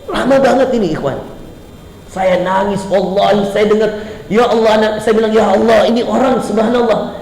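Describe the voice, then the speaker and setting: A middle-aged man preaching a mosque sermon, fervent, building to emphatic repeated lines and dropping soft when moved. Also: normal speed, creaky, a little hiss or hum. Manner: fervent, rises to emphatic high repetitions, drops low and soft when moved. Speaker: ustadz, preacher. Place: mosque hall. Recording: echoey mosque hall, faint ambience.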